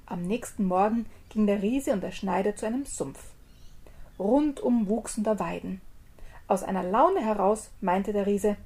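A woman's voice: medium pitch, slightly rough. Woman narrating a fairy tale. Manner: lively storytelling, explaining dialect words. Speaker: storyteller.

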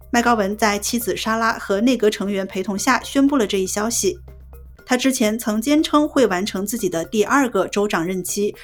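A woman presenting a scripted breaking news bulletin as a news presenter. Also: on the high side. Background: background music.

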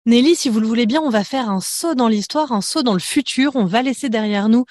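A woman radio host asking guiding questions in a measured way, with a few fillers. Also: a little high, a little mellow, no echo. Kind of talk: radio interview.

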